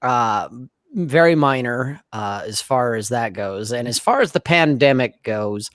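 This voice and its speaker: A man co-hosting a casual video-call show, talking in a laid-back, blunt way and often clearing his throat. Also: mid-range voice, animated, a little slow, a bit bright, no echo, clean studio sound. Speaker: podcast co-host. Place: home room, indoors.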